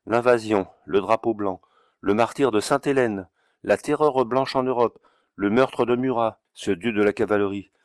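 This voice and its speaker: A man narrating a classic novel as an audiobook, measured and steady. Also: on the low side, dry recording, studio quality.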